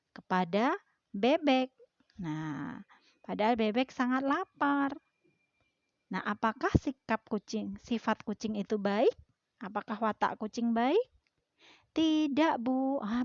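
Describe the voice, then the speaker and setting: A woman teacher reading a fable to children and explaining its lesson in a slow, gently instructive way. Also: on the high side, dry recording, highs cut off. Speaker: primary school teacher.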